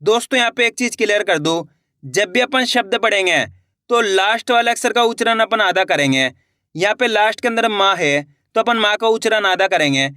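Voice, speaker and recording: A man's voice: high voice, expressive, fairly quick, pushed and bright, clear, resonant tone, no echo. A young man teaching children to read, patiently sounding out syllables one by one in an online lesson. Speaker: Hindi reading teacher.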